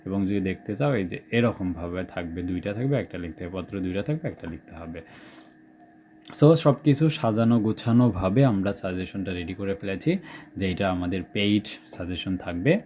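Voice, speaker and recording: A man's voice: deep voice, normal speed, a little mellow, slight background noise. A young man with a Bangladeshi Bengali accent, talking students through exam prep questions and checking in often. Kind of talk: screen-share exam suggestion walkthrough.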